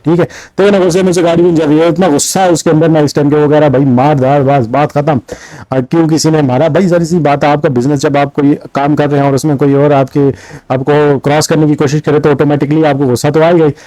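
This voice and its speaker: Fast-talking man calling a game live. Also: fairly high pitch, no echo, low-quality recording. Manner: excitable, narrates the action play by play with many repetitions. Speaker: gameplay commentator. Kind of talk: let's-play game commentary.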